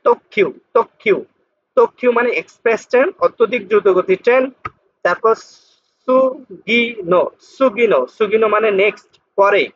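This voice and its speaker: A man teaching Japanese vocabulary, patiently repeating each word slowly to drill its pronunciation. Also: sits high, no echo. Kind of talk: vocabulary lesson explanation. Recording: dull lo-fi sound.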